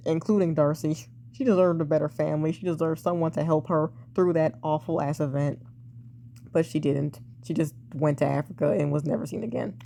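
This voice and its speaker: A young woman talks through her opinions of a TV drama in a blunt, exasperated, casual way. Her voice sits a little low and mellow, slightly hoarse and prone to cracking. A faint hum runs underneath. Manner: blunt, exasperated, sighs and swears often. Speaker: TV show reviewer.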